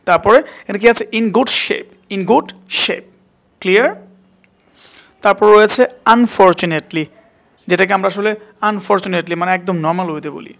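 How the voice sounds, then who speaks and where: A man's voice: high-pitched, a little slow, a bit bright. A man teaching a spoken English class, repeating words again and again to drill pronunciation and quizzing his student.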